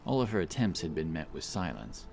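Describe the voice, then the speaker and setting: Narrating a scripted fantasy audiobook, this man has a low, darkish, sing-song voice and a fairly quick pace. There's a little hiss or hum, plus clear background music under the voice.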